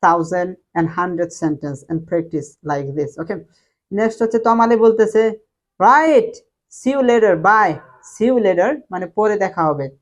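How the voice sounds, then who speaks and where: A woman's voice: on the low side, darkish tone, highs cut off. A woman with a Bengali accent giving a spoken English lesson, repeating each phrase and then translating it. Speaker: English teacher.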